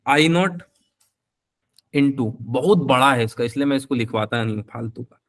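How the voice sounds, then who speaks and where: A man's voice: medium pitch, moderate pace. A young man teaching a physics class live online, chatty, calling his students beta and answering their questions.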